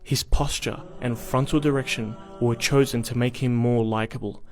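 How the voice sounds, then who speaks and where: Male narrator of middle pitch, steady measured read, music bed under the voice. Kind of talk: scripted documentary narration. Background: background music.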